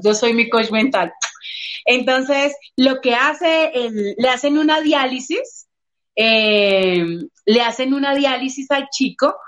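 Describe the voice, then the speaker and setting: Lady coach chatting in an interview, high voice, really expressive. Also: lo-fi sound. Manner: expressive storyteller, acts out quoted voices. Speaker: emotional coach. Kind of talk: casual interview talk.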